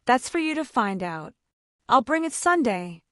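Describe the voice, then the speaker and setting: A gentle, loving old grandfather, read by a woman, speaking softly and tenderly. The voice sits high and swings widely in pitch. It is recorded dry and close, with no room sound. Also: very animated, a little slow, no echo.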